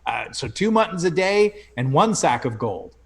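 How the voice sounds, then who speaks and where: A man's voice: fairly high pitch, big pitch swings, moderate pace, vocal fry. A man in casual role-play banter as a player in a tabletop game.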